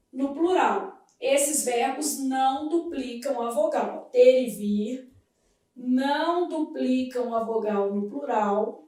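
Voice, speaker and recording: A woman teaching a grammar lesson, explaining each point step by step and asking the class quick questions. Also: sits high, mellow. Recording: echoey room, far from the mic.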